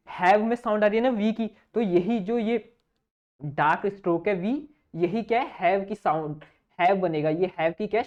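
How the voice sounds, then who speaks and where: A man's voice: high voice, darkish tone. A man teaching a shorthand lesson, checking in with his students after almost every line. He drags out example sounds and answers his own questions. The recording is muffled and lo-fi. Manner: asks himself questions and answers them, keeps checking with "theek hai?"; spells out sounds slowly and repeats example words. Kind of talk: online exam-prep lesson. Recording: dull lo-fi recording.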